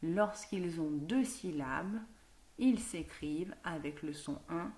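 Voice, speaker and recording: Slow, patient woman teaching phonics. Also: low voice, a little mellow. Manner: patient, articulates each word and syllable. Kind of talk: slow, clear phonics lesson for young children.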